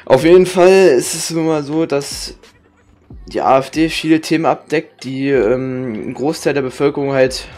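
A man's voice: on the high side, normal speed, a little mellow. Grumbling young man over music. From Germany. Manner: slangy, swearing, grumbling. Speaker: gaming streamer. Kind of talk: casual rambling gameplay commentary. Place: indoor room with webcam.

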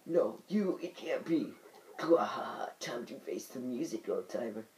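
A man's voice: mid-range voice, expressive, unhurried, darkish tone, echoey room, a little hiss or hum, natural voice. A man voicing a gloating male octopus villain from a video game, with a taunting manner.

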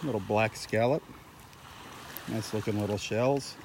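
A man giving relaxed, unhurried commentary while walking a beach, filmed on a handheld phone outdoors. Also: lowish voice, vocal fry. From Florida, USA. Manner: easygoing, unhurried remarks between pauses. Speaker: beach walk host. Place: outdoors on a sandy beach by the water. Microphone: handheld phone, filming while walking. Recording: outdoor wind and surf noise.

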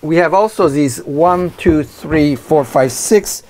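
Mellow-voiced man hosting a boat tour. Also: a little high, takes it slowly, slight background noise. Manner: conversational, prompts and completes the guest's sentences. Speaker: sailing show host. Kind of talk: boat review interview. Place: aboard a sailboat, inside the cabin.

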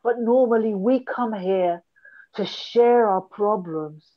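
A woman acts an earnest cabbage mother leading a support meeting. She speaks slowly at a middle pitch, over slightly dull video-call audio, in puppet improv. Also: close to an everyday voice.

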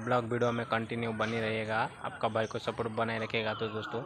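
A man's voice: fairly low pitch, completely flat delivery, quick pace. A young man chatting casually to viewers while he rides a motorbike on a village road, filming on a phone held at arm's length. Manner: chatty, repeats viewer appeals. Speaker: vlogger. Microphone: phone camera at arm's length. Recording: lo-fi phone audio with loud wind.

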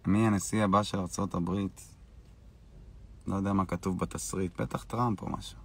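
A man with a very deep, gravelly voice hosts a live stream, answering viewers' questions in a loose, casual way. He sounds brash and boastful and brushes off critics. His low, rough voice fits his dismissive tone. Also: steady tone.

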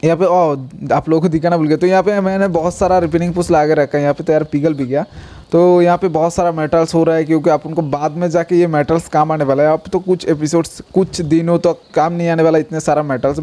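A young man giving casual, rambling gameplay commentary as a gaming YouTuber, talking straight to his viewers and reacting loudly when attacked. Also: a little high.

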